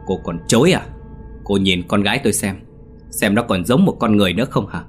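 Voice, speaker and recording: A man voicing an angry older mother-in-law in a storybook tale, scolding in a low voice close to his own. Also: steady tone, racing, faint music behind, natural voice. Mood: accusing. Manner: scolding, accusing.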